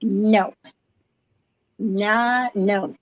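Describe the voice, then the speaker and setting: A woman co-hosting a casual chat, giving brief, low-key replies. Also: fairly even intonation, very slow, lo-fi sound. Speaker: co-host.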